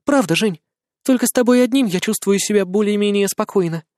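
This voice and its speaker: A man voicing a gentle, anxious young woman who pleads and sounds weary. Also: high voice, brisk, dry recording, clean studio sound, pitched above the performer's own voice, lightly acted. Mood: sad, tender.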